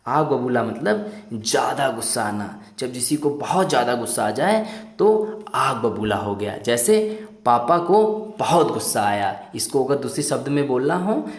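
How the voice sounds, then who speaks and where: A male teacher reads a story aloud to young pupils at a slow, careful pace. His pitch rises and falls with lively expression. He asks and answers his own questions, and his voice echoes around the room. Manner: repeats questions and explains words. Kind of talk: children's lesson reading a story aloud. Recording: roomy echo.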